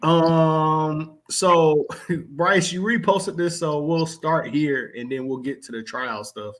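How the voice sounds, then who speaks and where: A man's voice: fairly high pitch, takes it slowly, a bit bright. A man hosting a basketball podcast, laid-back and chatty, laughing and talking over his co-hosts. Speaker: podcast host. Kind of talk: casual sports podcast chat.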